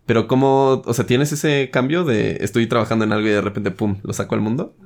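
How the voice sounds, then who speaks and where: A man's voice: medium pitch, steady tone, a little fast, darkish tone. A man, interviewing a game developer in a casual, curious way. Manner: curious, conversational questions.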